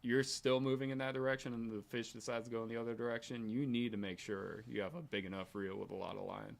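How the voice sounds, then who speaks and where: A man with an American accent chatting casually about fishing, relaxed and agreeable. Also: mid-range voice, fast, creaky. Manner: relaxed, lots of agreeing backchannel.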